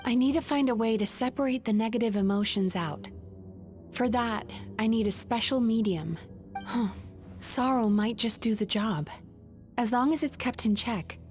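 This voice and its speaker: A woman playing a composed, resolute dream-hunter guide in a video game, explaining things in a measured, serious manner. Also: a little high, a little mellow, faint music behind, lightly acted. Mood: calm, serious.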